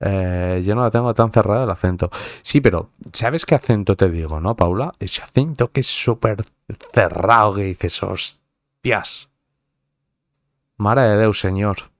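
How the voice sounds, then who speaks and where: Man, central Spanish accent, low voice, dry close sound, streamer banter, joking and swearing. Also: animated, moderate pace, no room sound. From central Spain. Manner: joking, swears often, laughs at himself. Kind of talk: casual live-stream chat.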